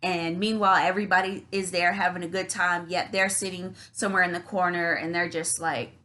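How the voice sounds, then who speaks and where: Rambling woman vlogger with a bright voice. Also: fairly low pitch, level tone, fairly quick. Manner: rambling, many restarts and fillers. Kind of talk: casual monologue.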